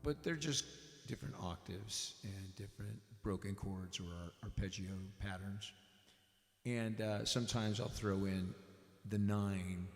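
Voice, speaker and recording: A man teaching piano and singing in a relaxed, casual way, his voice drenched in added hall reverb. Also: on the low side, a little slow. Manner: relaxed, demonstrates while explaining. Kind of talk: casual spoken lesson at the piano. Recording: big echoey hall reverb with loud piano.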